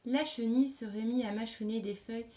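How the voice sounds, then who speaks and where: Une femme qui lit un conte pour enfants à voix haute, d'un ton doux qui se fait parfois murmure. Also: female voice, on the high side, steady tone, fairly quick. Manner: gentle, dropping to a hush at bedtime moments. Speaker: storyteller. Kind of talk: reading a children's story aloud.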